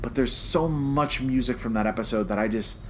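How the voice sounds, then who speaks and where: Slight background noise accompanies a podcast co-host whose medium-pitched voice has a fairly bright tone and a moderate pace. His review is emphatic and opinionated, driven by repeated phrases and frequent checks of "okay?".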